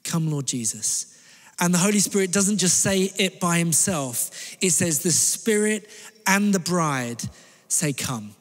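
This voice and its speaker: A man's voice: high voice, unhurried. A man preaching a sermon as pastor, earnest and repeating key phrases for emphasis. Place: large church hall. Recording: reverberant church hall.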